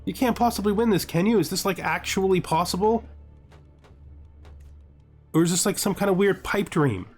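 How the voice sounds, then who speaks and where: This male gaming series host has a high, breathy-edged voice and talks at normal speed over background music. Commenting casually on a video game, he wonders aloud through rhetorical questions and exasperated asides and sometimes reads game text out loud.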